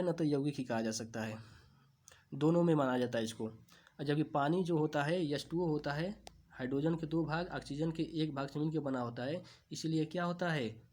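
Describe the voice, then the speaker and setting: A man teaching exam questions, asking each answer back as a question and then repeating it, stretching key terms slowly. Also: fairly high pitch, a little mellow. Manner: slow, drawn-out stresses on key terms. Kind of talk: quiz-answer lesson.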